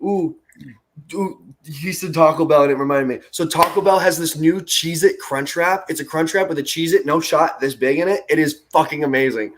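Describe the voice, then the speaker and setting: A man's voice: on the high side, moderate pace. A man who works at a theme park, chatting on a video call, telling stories with lots of laughing and swearing. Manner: laughing, swearing, animated storyteller. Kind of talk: casual video-call chat.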